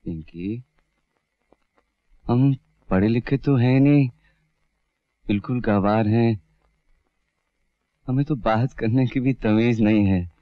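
A man's voice: high-pitched, big pitch swings, moderate pace, no echo. An actor playing a humble, uneducated rickshaw-puller who raised a girl as his own, in a 1980s film melodrama. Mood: pleading. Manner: pleading, emotional, rustic speech. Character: humble uneducated rickshaw-puller man, devoted foster father. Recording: dull, music behind.

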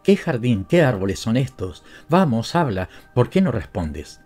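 A man's voice: a little high, very animated, normal speed, dark tone, faint music behind, pitched above the performer's own voice. A man voicing an impatient young mother. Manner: impatient, demanding. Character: distressed young mother, suddenly confused.

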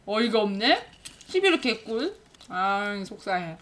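A woman in her forties streaming a game live, chattering with high energy, laughing often and shouting at her teammates. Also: very animated, measured pace. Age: 40s. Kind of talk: excited live gameplay commentary.

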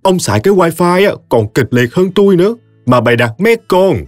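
A man puts on a fretful old Mekong Delta wife who snaps back at her husband, her voice lively and rising. It is close and dry, with soft music playing beneath. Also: high-pitched, a little fast, no echo, pitched above the performer's own voice. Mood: bickering. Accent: Mekong Delta Vietnamese. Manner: protesting, bickering.

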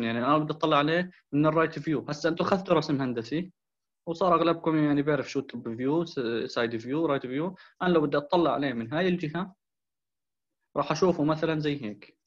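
Man, Levantine Arabic accent, engineering lecture, brisk, slightly high voice, dull lo-fi recording. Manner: explanatory, asks rhetorical questions, mixes English technical terms.

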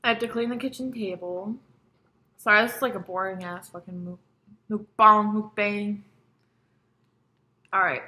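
Bright-voiced young woman rambling casually. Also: mid-range voice, fairly even intonation, normal speed, pauses often. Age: young adult. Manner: rambling, profane, frequent "like". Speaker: vlogger. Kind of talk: casual mukbang chat. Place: at home.

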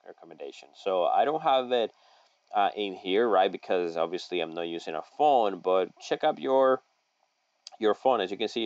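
A middle-aged man with a low voice walks through a screen-share lesson, reading an article aloud and stopping often with "uh" and restarts. The sound is dry and a little dull, recorded at a desk mic in a home office. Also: dry recording. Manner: halting, many fillers and restarts, folksy asides. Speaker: local online marketing consultant. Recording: dry, slightly dull audio.

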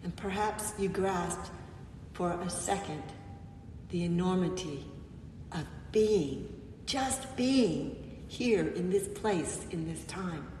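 A woman pastor gives a gentle, unhurried sermon, often pausing between phrases, in a slightly low voice. A microphone placed far back in an echoey church sanctuary catches a long reverb and a faint lingering room hum.

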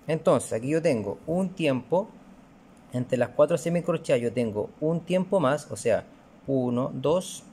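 A man's voice: a little high, expressive, unhurried, dark tone, a little hiss or hum. A male music teacher, patiently explaining rhythms and counting them aloud in a recorded lesson.

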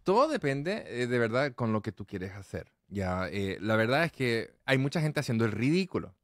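A male professor and digital marketer, chatting casually on a podcast as an animated storyteller who acts out the people he quotes. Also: mid-range voice, moderate pace, no echo, clean studio sound.

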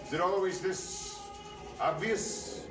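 A man's voice: high-pitched, slow pace. An actor playing a skeptical man with a dry, wry way of talking. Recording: echoey distant room with loud music.

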